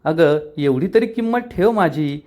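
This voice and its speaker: A man's voice: fairly high pitch, expressive, measured pace, darkish tone. A man voicing a haughty, bossy older woman who scolds and threatens.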